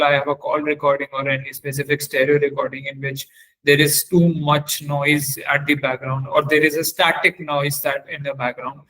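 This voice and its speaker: A man acting as a webinar trainer gives a live software demonstration, speaking haltingly and often repeating or correcting himself. His voice is a little high, and the recording is low quality.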